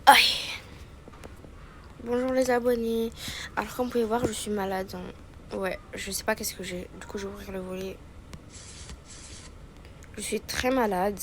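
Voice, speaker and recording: A woman's voice: mid-range voice, steady tone, a little slow, pauses often, background noise, lightly acted. A woman voicing a sick young wife filming a vlog, talking weakly and tiredly, with music playing behind. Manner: weak, tired, slightly nauseous voice.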